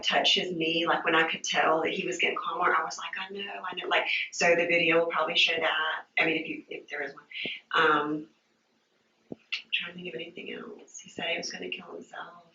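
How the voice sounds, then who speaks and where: A shaken middle-aged woman recounting an ordeal to investigators, halting and repeating herself with many fillers. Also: low voice, pushed and bright, a little hiss or hum. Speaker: witness giving a statement. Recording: roomy, distant, dull interview-room tape.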